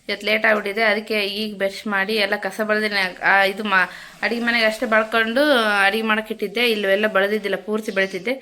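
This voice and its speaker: A woman's voice: mid-range voice, level tone, fast talker, bright, forceful tone. A woman chatting casually to her viewers at home in a vlog, repetitive and friendly. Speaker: vlogger. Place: home kitchen.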